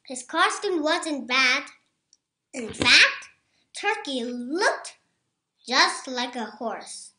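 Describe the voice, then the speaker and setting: Reading a storybook aloud one careful word at a time, a six-year-old speaks very slowly with long pauses. The voice is high and sharp, with lively intonation, and the room echoes noticeably.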